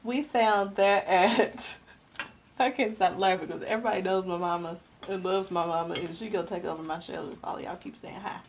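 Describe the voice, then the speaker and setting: A woman's voice: mid-range voice, steady tone, normal speed. A woman in her twenties hosting a live cooking demonstration, talking casually to her viewers and laughing easily. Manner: chatty, talks to viewers directly, laughs easily. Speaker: cooking show host. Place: home kitchen. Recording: kitchen noise from frying pans. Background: sizzling pans and utensil clatter.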